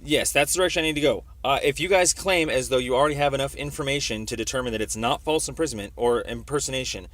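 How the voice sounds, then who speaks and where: Phoning police internal affairs with a complaint, a man argues fast in a medium-pitched, slightly bright voice, barely pausing, with no echo. He keeps repeating himself insistently and frequently cuts across the other person.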